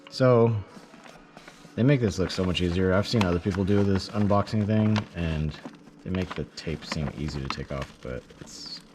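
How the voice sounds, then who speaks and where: A man's voice: low-pitched, moderate pace, noisy background. A tired, slightly out-of-breath man casually rambling to his viewers as he unboxes and reviews a product. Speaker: vlogger. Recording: echoey room with background music.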